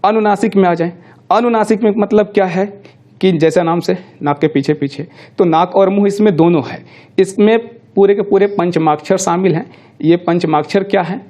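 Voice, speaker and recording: A middle-aged man lectures with a fairly high yet mellow voice. He explains patiently, posing questions to himself and answering them. He slows down to draw out each example word. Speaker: teacher. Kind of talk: classroom lecture.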